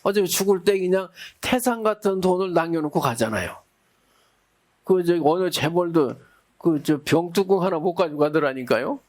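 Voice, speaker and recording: A man's voice: sits high, expressive, moderate pace. A middle-aged man, a Buddhist monk, giving a dharma talk in a folksy storytelling way, acting out the people he quotes.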